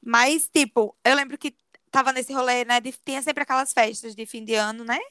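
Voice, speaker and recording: Woman spilling a story to her friend, high voice, keeps saying amiga, dry close sound. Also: brisk, clear, resonant tone, no echo. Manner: animated confiding storyteller, often says "amiga". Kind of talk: casual storytelling chat.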